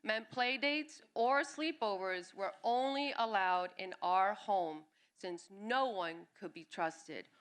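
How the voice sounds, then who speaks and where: At a music venue's live storytelling event, a woman born in Cuba and raised in New York City reads a personal essay of her own. She takes it slowly with few pauses, her middle-pitched voice clear and bright, phrasing expressively and briefly performing the voices of quoted relatives.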